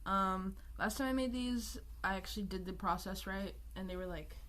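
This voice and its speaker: A young woman with a mid-range, slightly bright voice chats casually at a normal pace on a live art stream from home. She rambles, pokes fun at herself, and swears freely, with music playing behind her.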